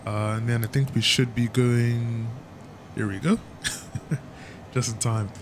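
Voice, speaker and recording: Casual male flight sim streamer, mid-pitched, rambling commentary, engine rumble behind. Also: fairly even intonation, moderate pace. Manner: chatty, stumbling with fillers.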